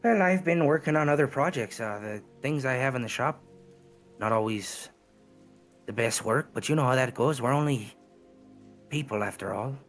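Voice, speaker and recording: A man's voice: mid-range voice, lively intonation, moderate pace, pauses often, voice pushed up, lightly acted. A man voicing a humble, obliging village carpenter in a folksy, hammy drawl for a tabletop role-play, with music behind him. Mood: humble, mildly defensive.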